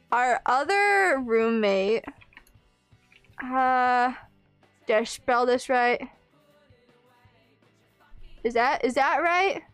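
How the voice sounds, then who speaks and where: A woman's voice: high-pitched, fairly bright tone, clean tone, no echo. A young woman live streamer chatting casually with viewers in a playful, giggly, exclamatory way, close on the mic. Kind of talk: casual livestream chat with viewers. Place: small room at home, indoors.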